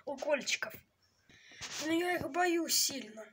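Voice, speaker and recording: A woman's voice: high-pitched, expressive, a little slow, a bit bright. A woman playing a timid, whining young male patient in an amateur toy animation. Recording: noisy home recording with clicks.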